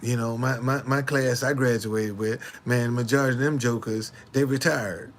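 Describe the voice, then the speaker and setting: A man in his late sixties talking casually to the camera with slangy street swagger, repeating himself in animated, indignant retorts. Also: mid-range voice, normal speed. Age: 60s.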